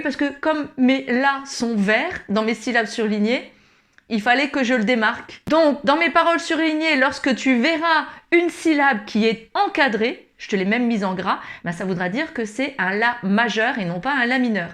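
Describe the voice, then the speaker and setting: High-voiced woman teaching ukulele. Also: normal speed. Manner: encouraging, speaks directly to the learner. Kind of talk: friendly online music tutorial. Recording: loud ukulele playing under the voice.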